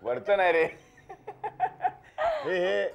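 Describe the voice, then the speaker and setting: An actor playing a teasing, quick-tempered husband in a bickering marriage, in a TV serial. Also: male voice, high-pitched, wildly swooping pitch, gravelly, soft background music, exaggerated voice. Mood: joking. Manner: teasing and curt, bursts into loud cheer. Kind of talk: TV serial acting.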